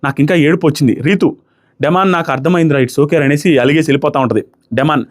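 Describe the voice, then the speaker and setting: Fast-talking man reviewing a show. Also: fairly high pitch. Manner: fast animated retelling, acting out quotes. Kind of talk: casual commentary.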